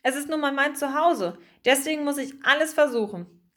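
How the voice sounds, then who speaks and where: A woman voicing a calm, thoughtful male mouse who speaks earnestly. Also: high-pitched, normal speed, pitched above the performer's own voice, close to an everyday voice.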